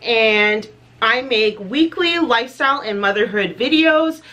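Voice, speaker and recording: A woman's voice: on the high side, lively intonation, measured pace, bright, forceful tone. Chatty upbeat woman vlogger. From Canada. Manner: chatty, upbeat, lists details with light fillers. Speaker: lifestyle and motherhood vlogger. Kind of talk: casual chat to camera.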